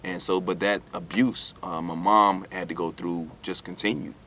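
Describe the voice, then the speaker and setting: Born in New York and raised in Alabama, an American man tells personal stories candidly as an interview guest, often repeating and circling back over his phrases. His low voice is steady at a moderate pace, with background noise.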